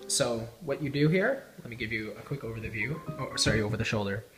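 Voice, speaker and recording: A man's voice: mid-range voice, quick pace, fairly bright tone. A man giving informal card magician patter, teaching tricks step by step as he demonstrates them, talking to the viewer like a spectator. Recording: roomy echo, guitar music behind. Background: plucked guitar music.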